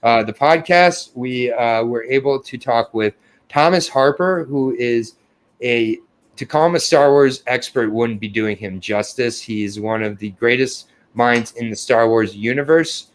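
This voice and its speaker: A man's voice: mid-range voice, measured pace. A young adult man co-hosting a podcast, talking casually with profanity and getting flustered. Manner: profane, self-deprecating, flustered. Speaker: podcast co-host. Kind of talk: casual chat.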